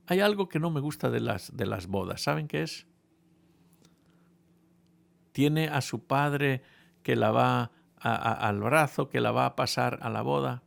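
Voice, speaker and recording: A man preaching a sermon, telling a humorous story to his congregation in a playful, animated way with frequent restarts. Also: medium pitch, unhurried, gravelly, pauses often.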